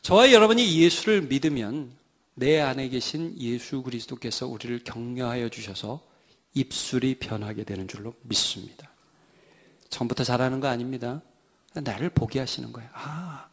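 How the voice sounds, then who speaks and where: A man's voice: medium pitch, moderate pace. A male pastor delivering a Sunday morning sermon in a church, preaching emphatically and putting rhetorical questions to the congregation. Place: church sanctuary.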